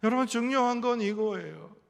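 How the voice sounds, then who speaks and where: A man in his fifties preaching a sermon with passion, moving between hushed tones and loud emphatic repetition. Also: very high voice, animated, a little fast, gravelly. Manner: impassioned preaching, swinging between soft and loud. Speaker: pastor and counseling professor. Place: church sanctuary. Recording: reverberant church hall.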